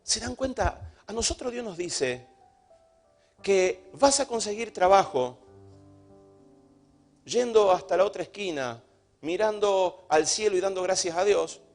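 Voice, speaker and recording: Emphatic Argentine pastor, high voice. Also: male voice, animated, a little slow, pauses often, a little mellow, faint music behind. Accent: Argentine Spanish. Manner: emphatic, rhetorical questions, humorous storytelling. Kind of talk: sermon.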